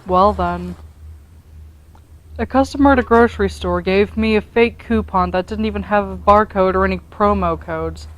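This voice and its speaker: A woman's voice: mid-range voice, moderate pace, low-quality recording. Teasing young woman chatting over gameplay. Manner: chatty, teasing, tells anecdotes. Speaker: gameplay co-commentator. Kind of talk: casual gameplay chat.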